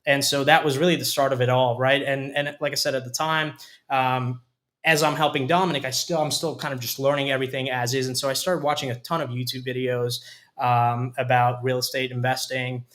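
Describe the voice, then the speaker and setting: Man, 20s, from Hungary, studio guest, hesitant, lots of ums, mid pitch. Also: level tone, a little fast, fairly bright tone. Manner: hesitant, many fillers and restarts. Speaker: company COO, guest. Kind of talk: casual interview talk.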